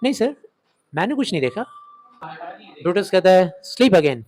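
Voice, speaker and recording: A man with an Indian English accent teaching a play, reading the old lines slowly and explaining them in quick conversational Hindi. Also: high-pitched, very animated, a little mellow, a little hiss or hum.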